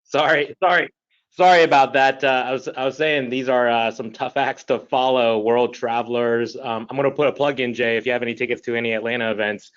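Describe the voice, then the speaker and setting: Halting man on a muffled video call. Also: mid-range voice, steady tone. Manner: halting, many fillers and restarts. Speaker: panelist, diversity executive. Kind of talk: webinar panel introduction.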